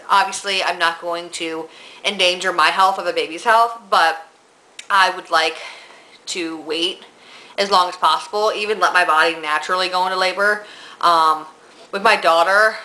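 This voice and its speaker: A woman's voice: lowish voice, sharp tone, rough recording. A young pregnant woman chatting casually in a vlog, with a stuffy nose and short of breath, rambling with many ums and likes. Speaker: vlogger.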